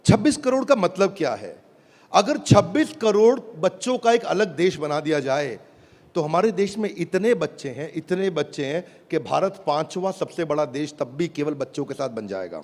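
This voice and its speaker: A man giving a rousing product pitch on stage, throwing rhetorical questions at his audience. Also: lively intonation, normal speed, darkish tone. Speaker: presenter on stage. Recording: long hall reverb.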